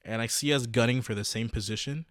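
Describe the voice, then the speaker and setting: A young man in his twenties, a podcast host, telling his own story in a casual, halting way with many restarts and fillers. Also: mid-range voice, fairly bright tone, dry recording, studio quality.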